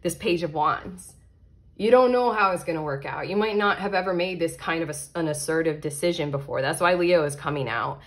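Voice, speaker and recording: A woman with a slightly low voice hosts a relaxed tarot card reading. She talks in a frank, chatty way, with the odd swear word and frequent laughs at her own fussiness. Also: brisk. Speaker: tarot reader and channel host.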